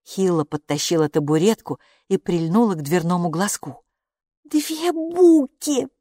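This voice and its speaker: A woman narrating a children's story audiobook in an expressive storytelling manner. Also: deep voice, normal speed, no room sound, clean studio sound.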